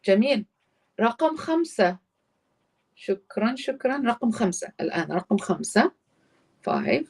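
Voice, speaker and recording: A woman's voice: a little high, very animated, measured pace, long pauses, a little mellow, breathy edge. A woman teaching a live online Arabic class, explaining grammar patiently and switching between English and Arabic. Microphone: computer mic on a live stream.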